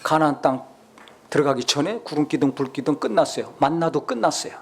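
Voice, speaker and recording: High-voiced man preaching a dramatic sermon. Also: expressive, brisk, husky. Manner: rhetorical questions, dramatic preaching. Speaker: pastor.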